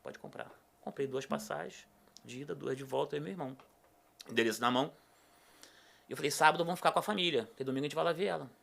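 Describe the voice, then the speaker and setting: A man's voice: fairly high pitch, fast, creaky. A middle-aged man, a podcast guest telling a personal story in a casual chat and acting out the dialogue as he goes. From Rio de Janeiro state, Brazil. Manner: animated, acts out quoted dialogue.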